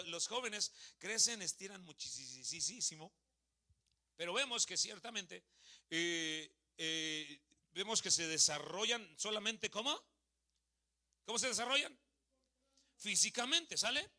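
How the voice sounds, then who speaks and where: A man in his thirties from Mexico preaches in a church hall at a measured pace, his voice sitting high and his accent Mexican Spanish. His manner is lively as he questions and jokes with the congregation.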